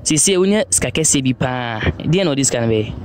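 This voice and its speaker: A young Ghanaian man interviewing people on the street, firing off his questions quickly into a phone he holds out. His voice sits at a middle pitch. Loud street noise runs under him the whole time. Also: lively intonation. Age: young adult. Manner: brisk, mixes English with local phrases. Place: outdoors on a sunny town street. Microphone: handheld phone held out to guests. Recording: noisy outdoor street recording.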